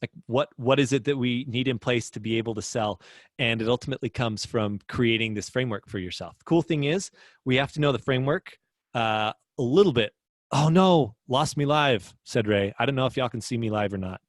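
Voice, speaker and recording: Male business coach, mid-pitched, chatty and upbeat, dry close sound, casual livestream teaching. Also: fairly quick, dry recording. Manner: chatty, upbeat, reads viewer comments aloud.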